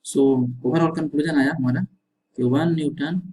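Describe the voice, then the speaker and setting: A man lecturing on engineering, with a voice a little higher than most. He asks the class a question, then answers it and says it again, and he checks in often with "है ना". He, and there is a faint hiss behind him. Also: fairly even intonation, unhurried, a little mellow, poor audio. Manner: repeats questions and answers, frequent tag "है ना". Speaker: engineering teacher.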